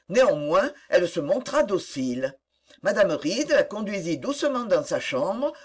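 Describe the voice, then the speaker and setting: An audiobook narrator tells a historical novel in a husky voice with lively, wide-ranging pitch. The reading is measured and expressive throughout.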